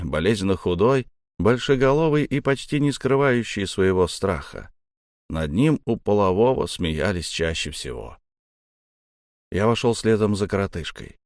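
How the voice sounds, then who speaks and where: Casting: man with a low voice narrating a dark audiobook, measured, dry studio sound. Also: dry recording. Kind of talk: first-person audiobook narration.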